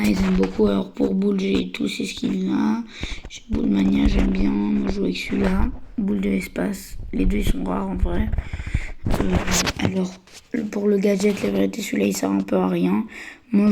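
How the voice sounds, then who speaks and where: A woman who is a little sick and tired, giving casual game tips in a hesitant, stammering way with a slightly croaky voice. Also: medium pitch, mellow, slight background noise. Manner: hesitant, stammering, many fillers. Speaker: gaming channel host.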